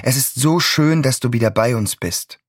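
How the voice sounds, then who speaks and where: A man voicing an overbearing middle-aged mother who speaks in a sweet, cloying, falsely gentle way. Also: mid-range voice, normal speed, no room sound, studio quality, voice pushed up, close to an everyday voice. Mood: sugary.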